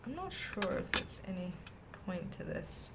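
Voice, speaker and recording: A woman's voice: mid-range voice, sing-song, measured pace, background noise. A woman vlogger chatting to camera indoors at a desk, gushing and rambling enthusiastically. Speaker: vlogger unboxing a stationery haul. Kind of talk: casual chat to camera.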